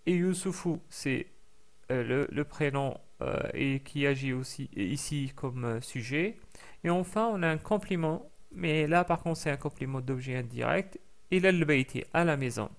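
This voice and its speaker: A man teaching a recorded language lesson, explaining patiently with many fillers and repeating example sounds slowly. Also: mid-range voice, vocal fry.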